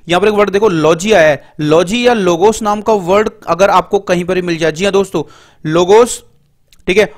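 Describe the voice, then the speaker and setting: A middle-aged man teaching English vocabulary through word roots in a Hindi lecture, explaining step by step and reading English definitions out slowly. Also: high voice. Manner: explains word roots step by step, often says "ठीक है" and "दोस्तों".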